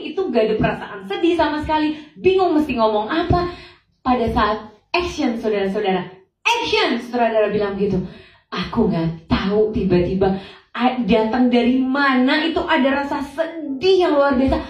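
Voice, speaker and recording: A young woman giving a church testimony, telling her story in a lively way and acting out the dialogue for the congregation. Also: high-pitched, moderate pace. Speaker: testimony speaker. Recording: echoey hall, far from mic, dull.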